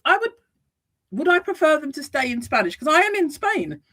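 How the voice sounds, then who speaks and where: Her voice sits high and moves briskly. She's a psychotherapist and life coach from the United Kingdom, laughing easily and restarting often as she chats animatedly in a relaxed interview recorded in Madrid.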